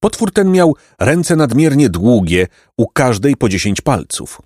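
A man narrating a children's storybook in an expressive, dramatic way. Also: medium pitch, measured pace, no echo, clean studio sound. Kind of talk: storybook reading.

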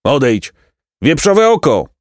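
A man's voice: mid-range voice, big pitch swings, takes it slowly, no echo, clean studio sound, pitched above the performer's own voice. A man voicing a stern, impatient robber captain who barks orders at his gang. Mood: scolding. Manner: shouting roll-call orders.

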